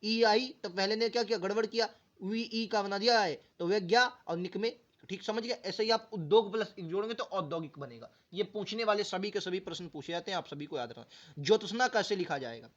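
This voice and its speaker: A man's voice: high voice, a little fast, fairly bright tone, highs cut off. A male teacher giving an exam-prep grammar lesson, sounding words out syllable by syllable and asking the students questions again and again. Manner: drills words aloud, repeats them syllable by syllable.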